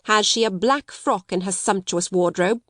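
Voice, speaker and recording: A woman's voice: medium pitch, big pitch swings, brisk, dry recording, natural voice. Woman playing a fierce, commanding schoolmistress, dry sound. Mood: bitter irony. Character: stern, bitter, domineering schoolmistress, cold older sister.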